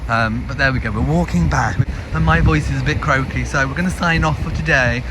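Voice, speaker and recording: A vlog host with a mid-range voice talks briskly as he chats to viewers and narrates what's around him. It's a noisy handheld recording, full of crowd and street sounds.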